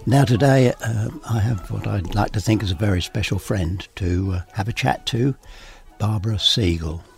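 A man hosting a podcast, chatty and relaxed, husky from a summer cold, giving practical gardening advice. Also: lowish voice, moderate pace, music in the background. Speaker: podcast host. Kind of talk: casual gardening chat.

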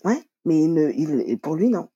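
A woman's voice: low voice, very animated, normal speed, warm tone, slightly rough, dry recording, lo-fi sound. A woman telling her own story in a conversational interview, quoting dialogue, with many fillers. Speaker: guest. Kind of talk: personal testimony interview.

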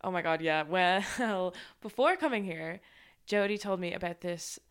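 A woman's voice: lowish voice, a little slow, clear, resonant tone. A young woman from Ireland, co-hosting a podcast in casual chat and laughing often. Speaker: podcast co-host.

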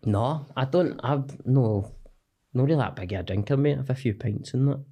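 A man's voice: medium pitch, normal speed, mellow, husky. A man with a Glasgow-area Scottish street accent, chatting casually and comically as a podcast guest in a sweary, slangy, self-deprecating way. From Cumbernauld, Scotland.

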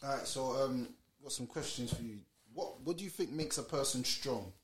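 A man with a London accent and a medium-pitched voice hosts an interview. He puts his questions casually, in street slang. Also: moderate pace.

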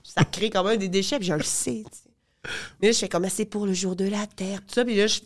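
A woman's voice: mid-range voice, a little fast. A woman with a Québécois accent, a comedian guest chatting on a podcast, telling stories and acting out quotes. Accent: Québécois French. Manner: animated storytelling, acting out quotes. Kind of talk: casual podcast chat.

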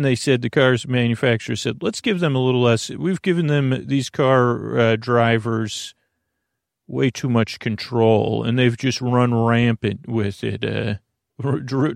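A podcast host with a creaky, gravelly, mid-range voice delivers a rambling bedtime monologue meant to help listeners sleep. He meanders and halts, stammering and circling back on his words, and the studio-quality recording has no echo.

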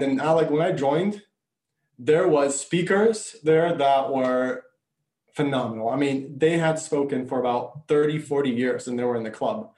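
A man's voice: mid-range voice, a little mellow, reverberant. A man from Bulgaria, a native Bulgarian speaker, telling his story earnestly as a coach and speaker in an interview. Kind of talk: conversational interview.

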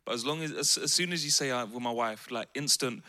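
Bright-voiced London man, joking. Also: mid-range voice, dry recording. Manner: quick agreeing interjections, joking. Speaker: podcast co-host. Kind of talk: casual chat among friends.

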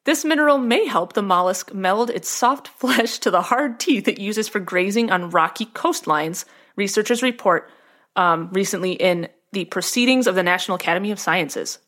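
A woman co-hosting a podcast reads out a science article in relaxed conversation, her mid-range, somewhat bright voice moving at a moderate pace. She giggles often, keeps breaking into laughter, and chats with lots of fillers.

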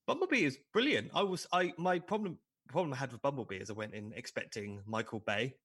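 A man's voice: medium pitch, lively intonation, fast talker, a bit bright, slightly rough, no echo, clean studio sound. Rambling man, podcast co-host. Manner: rambling, self-deprecating, cynical asides. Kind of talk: casual chat.

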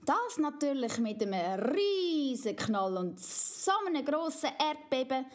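A woman with a Swiss German accent reading a children's story aloud, animated and playful. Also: high-pitched, measured pace.

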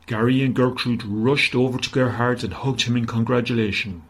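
A man narrating a children's story in a gentle, steady manner. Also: mid-range voice, normal speed, slightly rough, poor audio.

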